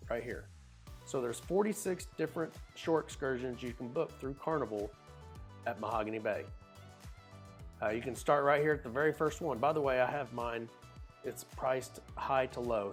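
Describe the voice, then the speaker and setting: A man with an Oklahoma accent, casually narrating a screen walkthrough in a folksy, chatty way. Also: mid-range voice. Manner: folksy, chatty, says y'all. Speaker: cruise vlogger.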